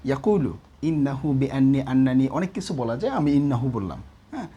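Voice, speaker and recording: A man's voice: mid-range voice, lively intonation, brisk, dark tone, slightly rough, lo-fi sound. A man teaching a grammar lesson, explaining patiently and often checking that the class follows.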